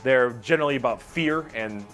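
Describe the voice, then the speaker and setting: A man's voice: medium pitch, brisk, fairly bright tone. Man, streamer, casual lore rambling, profane, reads chat aloud, faint background music.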